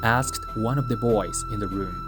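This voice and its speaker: A man's voice: medium pitch, normal speed. Man narrating a storybook over music. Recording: music playing underneath.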